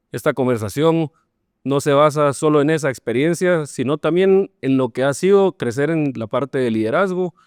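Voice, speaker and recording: A man hosting a podcast interview, asking friendly, relaxed questions. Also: medium pitch, smooth, no room sound, studio quality. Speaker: podcast host.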